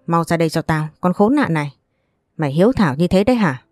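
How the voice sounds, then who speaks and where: A woman's voice: fairly low pitch, expressive, quick pace, dry recording, clean studio sound, faint music behind, close to an everyday voice. A woman voicing a furious, bullying middle-aged uncle who hurls accusations in an audio story. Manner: shouting insults, accusing.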